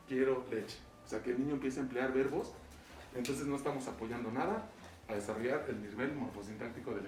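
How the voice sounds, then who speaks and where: A man giving a university lecture, often asking his students whether they follow him. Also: medium pitch. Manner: checks understanding with frequent rhetorical questions. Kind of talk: classroom lecture. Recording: roomy, distant mic, faint background noise.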